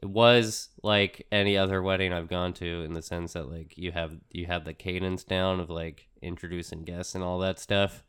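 Male podcast host, deep pitch, sick and nasally congested, frog-like croak, casual conversational delivery. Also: little pitch movement, normal speed, hardly any pauses, fairly bright tone. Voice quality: croaky, froggy voice. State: sick with a stuffy, congested nose.

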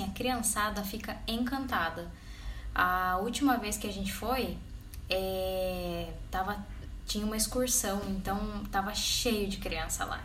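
A woman's voice: medium pitch, a bit bright. A woman with a Brazilian Portuguese accent chatting casually and enthusiastically as a podcast co-host. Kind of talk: casual travel podcast chat. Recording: roomy echo, distant, clear background noise.

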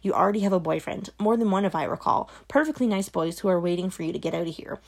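A woman voicing a cold, controlling middle-aged mother in an audiobook, her words sharp and brittle. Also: lowish voice, fast talker, vocal fry. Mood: venomous. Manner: sharp, brittle, dropping to a hiss. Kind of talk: audiobook character voice.

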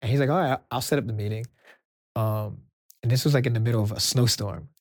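A soft-spoken man from Brooklyn, a music executive guest, telling stories in an interview and acting out the dialogue. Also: medium pitch, quick pace, no echo, studio quality. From Brooklyn, New York. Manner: animated storyteller acting out quoted dialogue. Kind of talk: storytelling interview answers.

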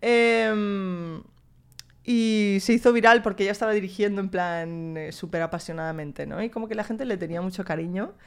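A woman's voice: mid-range voice, normal speed, clear, resonant tone. A young woman with a Spain Spanish accent, hosting a casual podcast monologue in a chatty, slangy, mildly profane way. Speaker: podcast host.

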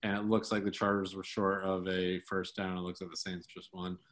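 A man with a fairly low voice co-hosts a casual sports talk show. He rambles, circling back with fillers and restarts as he works through his points. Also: flat delivery, fairly quick, fairly bright tone. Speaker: sports podcast co-host.

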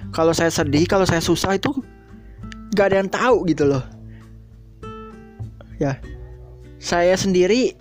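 Earnest high-voiced man sharing his story. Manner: emotional, earnest, addresses listeners as friends. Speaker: podcast host. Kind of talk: personal sharing monologue. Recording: soft guitar music behind. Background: soft guitar music.

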